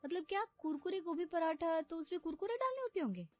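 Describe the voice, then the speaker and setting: A woman's voice: very high voice, expressive, quick pace, pitched above the performer's own voice. A woman voicing a naive, literal-minded young bride who talks in a sweet, innocent, chatty way in a cartoon story. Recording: slightly dull audio with background music.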